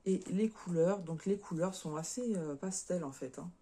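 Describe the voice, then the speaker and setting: French lady craft vlogger, warm lowish voice, rambles w fillers and repeats. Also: moderate pace, husky. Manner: chatty, many fillers and repeated words. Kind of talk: casual unboxing chat.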